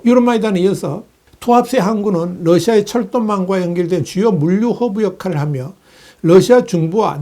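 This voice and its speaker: A man delivering a steady, measured news analysis, reading reports with the occasional filler. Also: sits high. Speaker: news commentator.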